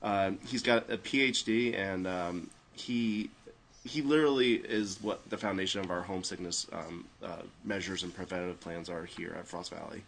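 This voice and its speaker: Male co-host, New Jersey accent, deep voice, loose rambling delivery. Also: normal speed, gravelly, a bit bright. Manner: rambling, many fillers and restarts. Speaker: podcast co-host. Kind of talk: casual chat.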